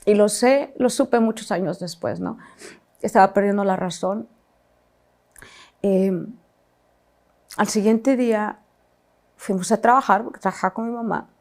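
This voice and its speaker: A woman telling her own painful story as a personal testimony, halting and reflective, with restarts and pauses. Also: mid-range voice, a little mellow.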